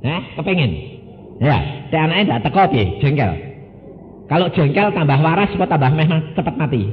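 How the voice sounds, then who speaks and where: Animated older preacher, echoing hall. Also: male voice, a little fast. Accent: Javanese. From Indonesia (Jepara, Central Java). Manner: animated, swings between loud exclamations and low asides. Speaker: evangelist preacher. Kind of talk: storytelling sermon. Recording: phone-like narrow sound in a reverberant hall with faint hiss.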